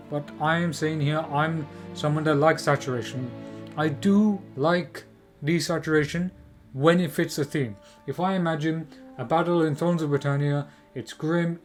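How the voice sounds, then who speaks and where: Emphatic higher-voiced man over clear music. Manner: emphatic and repetitive, with rhetorical questions. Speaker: video game commentator. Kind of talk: opinion commentary on a game preview.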